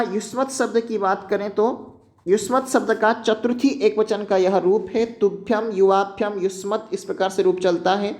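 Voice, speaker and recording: A man's voice: high voice, darkish tone. A man teaching an exam-prep lesson, often checking in with students and reminding them to keep points in mind.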